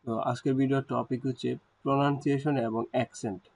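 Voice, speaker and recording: A man teaching a language lesson, explaining terms slowly with hesitant pauses. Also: mid-range voice, fairly even intonation, gravelly, darkish tone, a little hiss or hum, low-quality recording. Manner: hesitant, frequent fillers and restarts.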